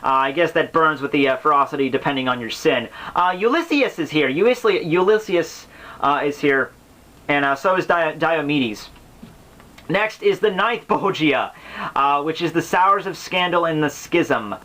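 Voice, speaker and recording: A book summary series host talks in a slightly high, lively voice at a measured pace, his tone pushed and bright. His explanatory commentary is casual and unscripted, rambling and slangy, with exaggerated exasperation.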